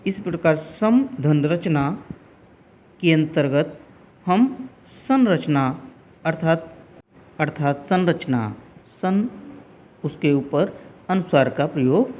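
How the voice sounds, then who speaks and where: Slow, deliberate male Hindi teacher. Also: a little high, expressive, darkish tone, a little hiss or hum. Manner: slow, deliberate, repeats words for emphasis. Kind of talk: classroom lesson on Hindi spelling.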